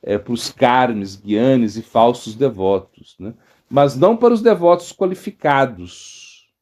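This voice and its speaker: A man with a Brazilian Portuguese accent, a monk giving an informal devotional talk, halting often with fillers and tag questions. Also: medium pitch, lively intonation, darkish tone. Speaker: monk teaching a devotional lecture.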